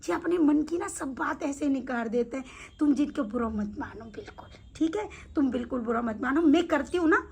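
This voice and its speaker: A woman voicing a kind young goddess who talks softly and coaxingly. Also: high-pitched, normal speed. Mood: soothing.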